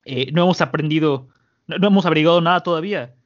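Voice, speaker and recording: A man with a Mexican accent voicing an urgent young female navigator, raising his pitch, on a muffled recording. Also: fast, close to an everyday voice. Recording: muffled lo-fi audio.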